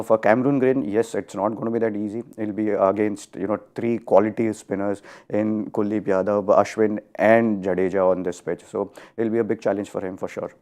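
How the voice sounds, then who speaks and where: A man giving cricket analysis on a panel, measured and peppered with "you know". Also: lowish voice, warm tone.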